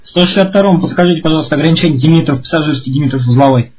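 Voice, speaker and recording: Man on a two-way radio, train driver, clipped formal protocol, rather high voice, lo-fi muffled sound. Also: rapid-fire, noisy background. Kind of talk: railway radio exchange.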